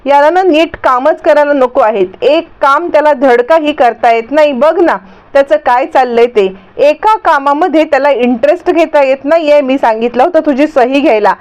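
A woman's voice: high voice, normal speed, a little mellow, close to an everyday voice. A woman reading the lines of a scheming, bossy middle-aged aunt who scolds sharply. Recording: dull lo-fi recording.

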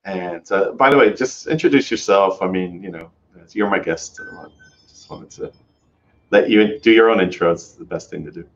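Low-voiced man hosting, rambling chat. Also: wildly swooping pitch, normal speed, lo-fi sound. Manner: rambling, many fillers and restarts. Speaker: host, developer advocate. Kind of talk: casual livestream chat.

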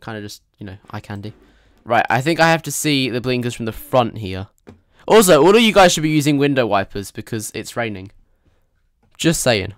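A man's voice: mid-range voice, very animated, brisk, no echo, studio quality. A man streaming a driving game, reviewing players' driving with playful, teasing banter. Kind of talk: live game commentary.

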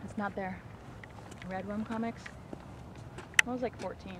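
A young woman chatting softly and shyly while learning disc golf, recorded outdoors. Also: mid-range voice, fairly even intonation, measured pace. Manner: soft-spoken, shy. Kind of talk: casual chat. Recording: distant outdoor camera audio with noise.

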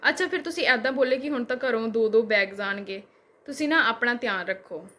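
A woman's voice: on the high side, fairly quick, fairly bright tone. A young woman with a Punjabi accent, a vlogger firing back at a critic with repeated rhetorical questions. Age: young adult. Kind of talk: reply video rant.

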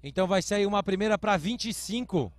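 A man's voice: high-pitched, lively intonation, brisk, no room sound. A Brazilian man giving live American football play-by-play commentary, explaining calls in short announcer phrases. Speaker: sports commentator.

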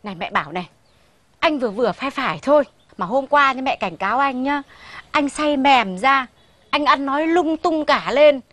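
Brief: older sharp-tongued Northern Vietnamese mother-in-law, fairly high voice, nagging and sarcastic, sitcom. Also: expressive, moderate pace, dry recording. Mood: lecturing. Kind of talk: sitcom acting.

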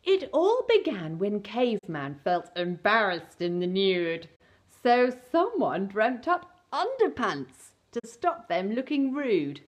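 On a small indoor set hung with a fabric backdrop, a middle-aged entertainer reads a children's storybook aloud. Her mid-range voice is sing-song and slow, and her delivery is theatrical, exaggerated and playful.

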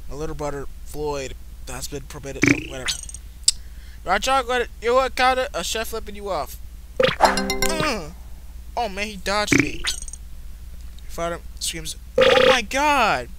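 Excitable, foul-mouthed male game commentator. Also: on the high side, a little fast. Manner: profane, excitable, reads game text aloud. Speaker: gaming channel host. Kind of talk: let's play commentary. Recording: loud background noise.

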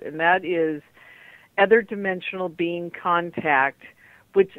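A woman's voice: medium pitch, no room sound. A woman hosting a radio show over a landline phone, talking in a rambling, candid and discouraged way. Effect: calling in over a landline phone. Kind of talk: unscripted monologue. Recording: tinny dry phone line.

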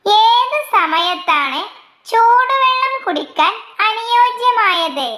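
A woman reading out quiz questions, their options and the answers in a slow, measured way, dropping her pitch for each list of options. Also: expressive, sharp tone, echoey room. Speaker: quiz reader.

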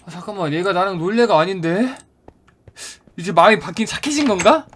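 Someone playing a timid, animated bullied schoolkid. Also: medium pitch, a little fast, slight background noise, close to an everyday voice. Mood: hopeful muttering. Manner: stammering, anxious, thinking aloud. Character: timid, gullible bullied schoolkid, muttering to self. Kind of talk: acted Minecraft skit dialogue. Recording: music behind the voice.

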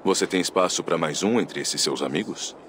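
A stoic Viking warrior from a video game, with an extremely low voice. He is solemn and honourable, and faint noise sits behind him. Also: animated, brisk, a bit bright. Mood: grave, measured. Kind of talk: dramatic video game dialogue.

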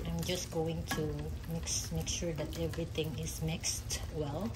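A woman cooking vlogger chats casually to the camera while cooking at the stove in her home kitchen, her lowish voice level and unhurried. The camera sits nearby as she works hands-on, and kitchen noise carries in the background.

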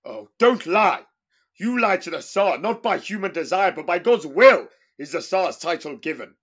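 An actor playing an imperious, suspicious medieval tsar who speaks in archaic, formal phrases. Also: male voice, high voice, sing-song, normal speed, a bit bright, husky, heavily acted. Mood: haughty. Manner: archaic formal speech, wailing laments.

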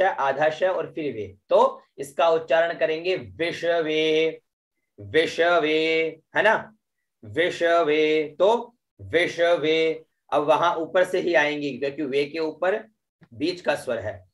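This man's voice sits on the high side as he leads an online lesson in chanting Vedic mantras. He breaks down every syllable, then intones the verse in long, stretched tones, frequently checking on his students and ending sentences with "है ना" and "ठीक है".

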